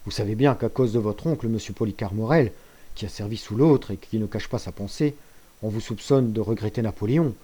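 A man voicing a sly, scheming male ship's accountant who answers in a smooth, guarded, persuasive way in a storybook reading. His voice is lifted a little above his narrating tone. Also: fairly low pitch, a little fast, dark tone.

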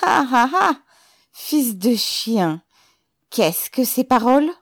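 A woman's voice: medium pitch, takes it slowly, dry recording, clean studio sound, voice pushed up. A woman voicing a cold, brutal middle-aged police commissioner who barks contemptuous commands in an audiobook. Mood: barking, furious.

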